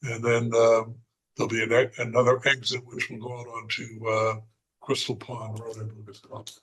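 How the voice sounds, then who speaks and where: A man presenting a plan at a zoning hearing, hoarse and halting, with many fillers and frequent throat clearing. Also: mid-range voice, monotone, fairly bright tone, rough recording. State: hoarse, losing his voice. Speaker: applicant's representative. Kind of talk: presenting at a remote board hearing.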